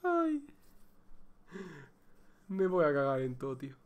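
A man with a Spain Spanish accent streaming a video game, chatting casually with excitable, theatrical, joking complaints. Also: a little high, slow, clear, resonant tone, narrow, tinny audio. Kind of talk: casual livestream gameplay chatter.

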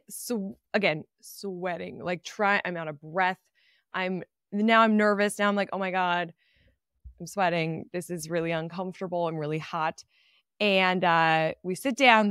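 Brief: woman in her 30s, podcast host, animated chatty storyteller, smooth clear tone, dry close sound. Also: mid-range voice, dry recording. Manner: animated, chatty, many "like" fillers. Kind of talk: personal storytelling monologue.

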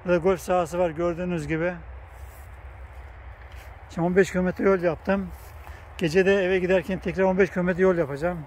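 Man coaxing animals with a high, cheerful voice. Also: steady tone, fairly quick, long pauses, a little mellow, slight background noise. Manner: coaxing and affectionate, laughs often. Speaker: vlogger. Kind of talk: casual vlog talk to animals and viewers. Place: outdoors by grazing bison, near a bike path.

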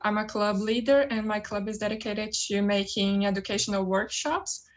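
A woman's voice: mid-range voice, fairly even intonation, normal speed. Young woman moderating an online panel. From Brazil. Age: 20s. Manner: polite, reads questions carefully. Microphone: webcam on a video call.

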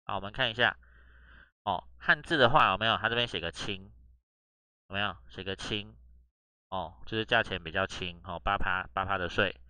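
A man's voice: low-pitched, moderate pace, pauses often, pushed and bright, smooth, no room sound. Chatty Taiwanese-accented male Japanese teacher. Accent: Taiwanese Mandarin. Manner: chatty, drops "oh" and "ha" between nearly every phrase; reads Japanese phrases then explains them in Mandarin. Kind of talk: casual online lesson reading through a news text.

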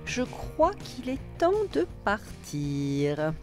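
A woman's voice: mid-range voice, wildly swooping pitch, very slow, over music, voice pushed up, full character voice. A woman voicing a wicked old witch in a children's story, with a theatrical, cackling manner. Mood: boisterous.

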